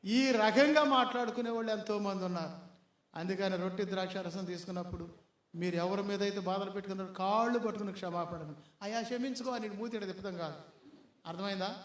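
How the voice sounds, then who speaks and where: A man's voice: high voice, quick pace. A male pastor preaching a sermon in a church hall, firing rhetorical questions at the congregation.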